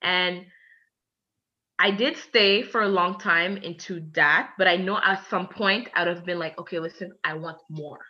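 A woman in her twenties from Canada, telling a candid personal story as a guest, chatty and animated, acting out the dialogue. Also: lowish voice, measured pace, highs cut off. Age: 20s.

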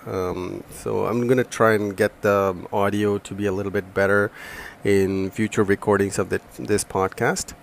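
A man's voice: fairly low pitch, flat delivery, creaky, slight background noise. Nasal-voiced man with a cold. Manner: slow, halting, with restarts and fillers. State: has a cold. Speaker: podcast host. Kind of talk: reading a memoir excerpt, then casual podcast talk. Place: home room with a fan running.

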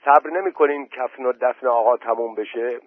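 A man's voice: mid-range voice, no echo, voice pushed up, natural voice. Fretful village headman, as a man reads him. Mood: worried. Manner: practical, fretful questions. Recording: dry tinny phone-like voice message.

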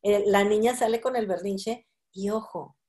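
A woman's voice: medium pitch, steady tone, moderate pace, mellow. A middle-aged woman hosting a casual group conversation, thoughtful and often laughing. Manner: reflective, laughs often, acts out quotes.

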